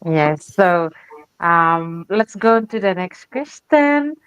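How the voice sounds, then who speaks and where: A woman hosts a live-stream interview, speaking slowly in a smooth, clear voice. The sound is dry and a little dull, as over an online call. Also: on the low side, expressive, no room sound. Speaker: host.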